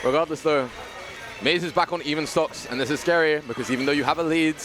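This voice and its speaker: British guy commentating live, jokey and playful, kinda high voice. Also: quick pace. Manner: playful, jokey, excitable on big moments. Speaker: esports commentator.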